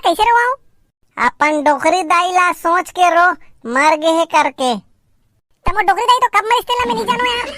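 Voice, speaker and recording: In a very noisy recording, a woman with a very high voice and a Chhattisgarhi accent performs cartoon comedy as mischievous village children squabbling over a doll wedding. The banter is teasing, full of giggles, and fast-paced.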